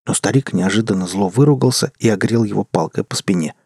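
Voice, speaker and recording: Gravelly low-voiced man narrating a story. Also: fast talker, a little mellow, no echo, studio quality. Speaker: audiobook reader. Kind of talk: scripted narration.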